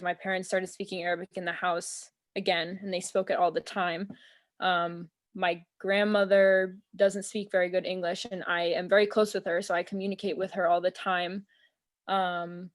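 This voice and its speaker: A young woman from the United States talks with a mid-range voice as an interview guest on a video call, chatting casually from a small room at home. She comes across as relaxed, earnest and thoughtful, with lots of "um" and "like" sprinkled in.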